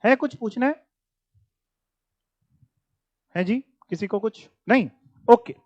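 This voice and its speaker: A man's voice: high voice, moderate pace, a little mellow, no room sound. Male lecturer, dull dry audio. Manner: conversational, mixes English terms, teasing asides to students. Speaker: teacher. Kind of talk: classroom lecture.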